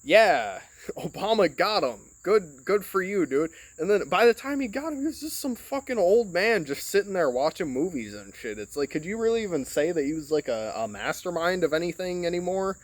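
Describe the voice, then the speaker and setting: A podcast host from Michigan rambles casually in a monologue recorded on his phone, swearing often and packing his talk with "like" and "you know." His voice is high-pitched with big pitch swings, at normal speed, and there's no echo.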